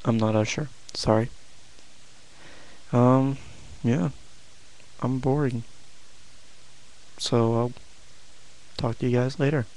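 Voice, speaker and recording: Slow-talking young man, hesitant and low-key. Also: fairly even intonation, a little mellow, rough recording. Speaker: video blogger. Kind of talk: casual vlog chat.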